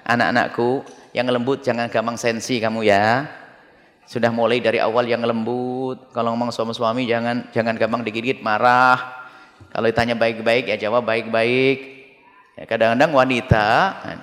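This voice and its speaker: A man preaching a sermon to a congregation, lively and jumping into high-pitched mimicry of the people in his stories. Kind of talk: Islamic sermon with Q&A. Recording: long hall reverb.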